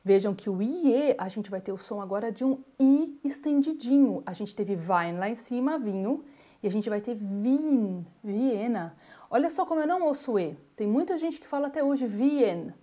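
A woman, teaching a German pronunciation lesson and saying example words slowly and repeating them. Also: fairly high pitch, expressive, mellow, lo-fi sound.

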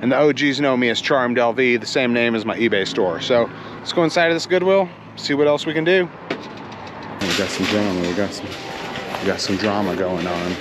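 A man's voice: mid-range voice, a little fast, noisy background. Joking man in a thrift vlog. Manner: jokey, rambling, talks to viewers as friends. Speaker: thrift reseller vlogger. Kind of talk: casual vlog commentary.

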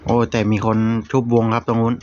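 A man's voice: mid-range voice, completely flat delivery, quick pace, a little hiss or hum. A man giving live gameplay commentary, urgently directing his teammates while keeping a polite tone. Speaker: gaming channel host. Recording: lo-fi with loud game sounds.

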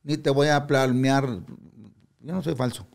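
Gravelly older man telling blunt stories. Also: mid-range voice, fairly even intonation, unhurried. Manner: candid, blunt, swears freely, quotes others in dialogue. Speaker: guest musician. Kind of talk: casual interview storytelling.

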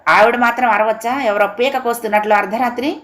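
A woman reading aloud, voicing an angry, impatient grown son who argues in a sharp, raised voice. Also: medium pitch, brisk, close to an everyday voice.

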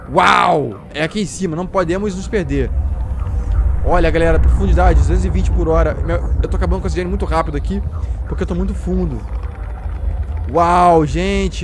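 A man with a Brazilian Portuguese accent giving excited, jumpy gameplay commentary, exclaiming and yelping when scared. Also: high voice, background noise. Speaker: gameplay streamer.

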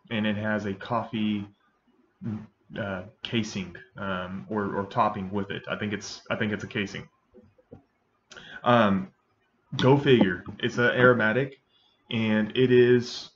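A man in his thirties giving a casual, halting review to camera. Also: lowish voice, a bit bright. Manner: halting, hesitant delivery. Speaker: pipe tobacco reviewer. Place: small indoor room with bookshelves. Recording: dull webcam sound with faint noise.

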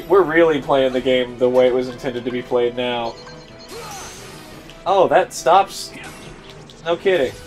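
A man casually commenting on his gameplay as a let's play host, joking and swearing offhand. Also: medium pitch.

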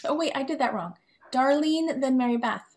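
A woman hosting a networking video call, briskly calling on speakers and correcting herself as she goes. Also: sits high, animated, darkish tone. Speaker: networking meeting host. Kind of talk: moderating a video call meeting.

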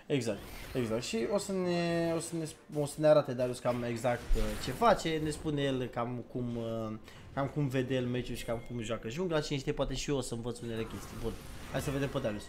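A man's voice: medium pitch, a little mellow, a little hiss or hum. A man hosting a casual gaming chat, talking loosely with fillers and laughs. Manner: chatty, laughing, filler-heavy. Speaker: streamer host.

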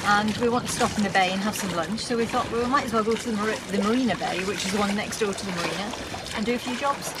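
A woman's voice: mid-range voice, fast. A woman on a sailboat talking in an upbeat, chatty way for her sailing vlog. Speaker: sailing vlogger. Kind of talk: casual chat. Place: on a sailboat at sea, outdoors. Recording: wind and water noise outdoors.

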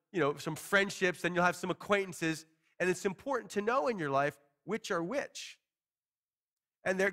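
Pastor guy teaching from a church stage, bright slightly high voice, chatty and gesturing. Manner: conversational, animated hand gestures, paraphrases scripture casually. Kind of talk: expository sermon. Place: church stage before a small seated congregation.

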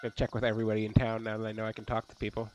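A man's voice: fairly low pitch, completely flat delivery, very fast, a little mellow, dull audio, soft background music. A man playing a video game, talking casually and reading the game's dialogue aloud. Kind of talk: let's play commentary.

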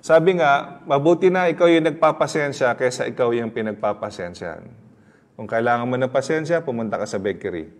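A man's voice: medium pitch, lively intonation, brisk. Filipino pastor man, chatty sermon w/ stories and little jokes, echoey hall. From Philippines. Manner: mixes English into Tagalog, chatty storytelling with laughs and audience questions.

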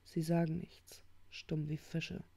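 A woman's voice: low voice, monotone, slow pace, gravelly, dark tone, full character voice. A woman voicing a worried teenage boy who talks urgently and insistently in a storybook reading.

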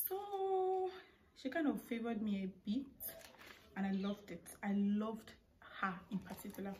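In a darkish mid-range voice, a young woman with a Nigerian accent talks to camera in relaxed vlogger fashion. She answers questions and adds casual asides along the way. Household noises are clearly heard in the family home's living room where she sits.

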